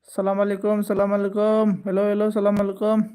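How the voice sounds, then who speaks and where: A man's voice: high voice, completely flat delivery, moderate pace, dark tone, smooth. A man hosting a casual live stream, greeting viewers by name and teasing them as he answers their comments.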